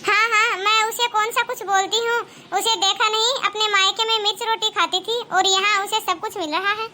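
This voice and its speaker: A woman's voice: extremely high pitch, steady tone, moderate pace, background noise. A woman voicing a nagging village mother-in-law in a cartoon, scolding and taunting her daughter-in-law. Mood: complaining. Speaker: cartoon voice actor. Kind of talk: cartoon moral-story dialogue.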